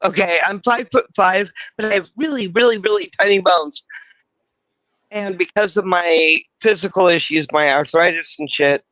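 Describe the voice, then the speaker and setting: Bright-voiced crude middle-aged woman host. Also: on the low side, normal speed, no echo, muffled recording. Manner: rambling, crude, self-mocking. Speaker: livestream host. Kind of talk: casual livestream chat.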